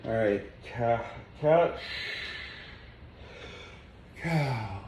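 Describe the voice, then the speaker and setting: A man guiding a yoga flow as he does it, giving relaxed, chatty cues with small asides. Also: medium pitch, drawn-out words, a little hiss or hum. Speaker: yoga instructor. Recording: echoey room, mic at a distance.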